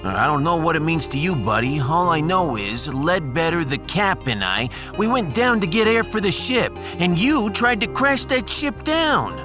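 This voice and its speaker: In a sci-fi audiobook with music underneath, this is character acting as a gruff, wounded blue-collar ship's welder from New Jersey. His fairly high, very animated voice moves at a moderate pace with few pauses, sounding hurt and earnest. He's folksy and street-tough, calling people "buddy."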